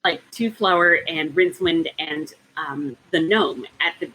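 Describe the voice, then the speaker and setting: A woman with a lowish voice makes her case in a relaxed book chat. She thinks aloud, stacking clauses and pausing on ums. A faint hiss sits behind her. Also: low-quality recording. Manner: analytical, argues at length with many ums. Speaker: podcast co-host. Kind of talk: casual book discussion.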